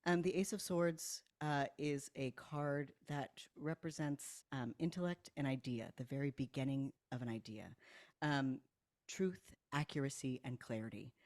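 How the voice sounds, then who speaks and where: A woman's voice: rumbling low, steady tone, a little slow, no echo, studio quality. A woman narrating and running a tabletop game, talking in a chatty, filler-heavy way. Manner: warm-hearted, filler-heavy, giggly. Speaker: game master.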